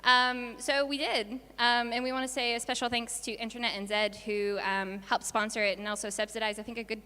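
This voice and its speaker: A woman making informal, jokey, halting announcements from a stage as an event organiser. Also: fairly high pitch, flat delivery, sharp tone, clear, resonant tone. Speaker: conference organiser and presenter. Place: on stage in a hall. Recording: reverberant hall sound.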